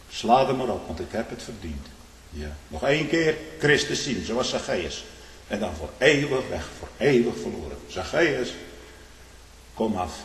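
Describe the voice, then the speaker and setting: A man preaching a sermon with fervour, often tagging lines with "hè?" and rising to loud exclamations. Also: lowish voice, creaky, recorded from a distance. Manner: fervent, rising to loud exclamations, with frequent "hè?" and "hm?" tags. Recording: echoey hall with faint hiss.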